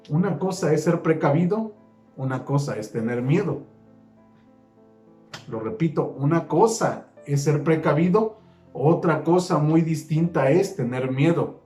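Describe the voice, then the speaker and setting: A male preacher delivers a sermon with emphasis, hammering home repeated phrases and numbered points. His voice rings in a roomy, echoing space. Soft music plays faintly underneath. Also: a little high.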